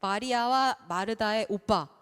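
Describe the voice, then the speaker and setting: A woman's voice: mid-range voice, measured pace, clear, resonant tone. A woman junior pastor preaching a sermon in a church, often putting rhetorical questions to her congregation. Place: church sanctuary. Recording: long reverb of a church hall.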